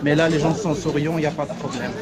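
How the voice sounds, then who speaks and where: A man's voice: a little high, steady tone, fast talker. A man vlogging casually while walking through a weekly village market, chatting and explaining what he sees, recorded on an action camera. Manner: chatty, explains to his partner and viewers. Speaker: vanlife vlogger. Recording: outdoor market crowd, loud background noise. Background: loud crowd and market noise.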